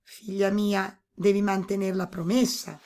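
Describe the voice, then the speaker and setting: A woman voicing a calm, kindly old king speaking to his daughter in a storybook reading. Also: medium pitch, a little slow, close to an everyday voice. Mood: gentle.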